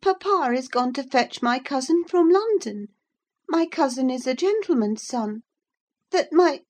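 Woman acting a high-pitched haughty little girl. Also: lively intonation, a little slow, a little mellow. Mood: distressed. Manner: imperious, petulant. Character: haughty, indignant young girl, spoiled and tearful. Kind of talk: audiobook character voice.

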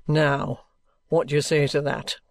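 A shrewd male detective, as the narrator puts him on, firm and probing with a knowing edge, in an evenly pitched voice. Recorded close and dry, like a storybook reading. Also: little pitch movement, a little slow, creaky, dry recording.

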